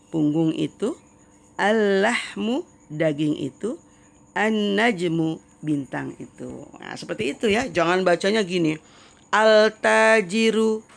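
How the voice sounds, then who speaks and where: Woman teacher with heavy vocal fry. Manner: patient, repeats each word slowly and drops pitch on the translation. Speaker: Arabic teacher. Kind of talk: reading lesson, word then translation.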